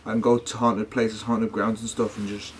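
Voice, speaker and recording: A man's voice: fairly low pitch, level tone, moderate pace, slight background noise. A man talking casually to his viewers as a paranormal vlogger, rambling and slangy, often correcting himself. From United Kingdom.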